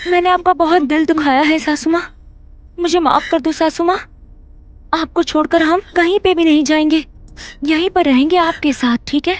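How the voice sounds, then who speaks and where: An actress playing a gentle young daughter-in-law who soothes and apologises to her mother-in-law. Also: very high-pitched, fairly even intonation, moderate pace, no echo. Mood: soothing.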